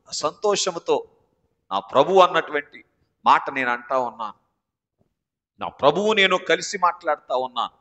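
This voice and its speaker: A man's voice: a little high, pushed and bright. A man with a Telugu accent preaching a sermon with emphasis, often calling out to the congregation for responses. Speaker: pastor. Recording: muffled sermon audio with long hall reverb.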